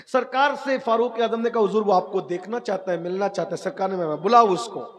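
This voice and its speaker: A male preacher telling a story in a sermon, repeating lines and moving between hushed and loud delivery. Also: sits high. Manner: dramatic, repetitive, swings from hushed to loud. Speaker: Islamic preacher.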